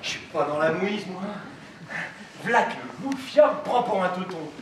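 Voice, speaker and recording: A man's voice: high voice, lively intonation, unhurried. Man playing a bossy scheming older brother. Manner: bossy, scolding, slangy. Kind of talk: amateur stage acting. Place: theatre stage. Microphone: far room microphone. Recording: echoey hall recorded from far, noisy.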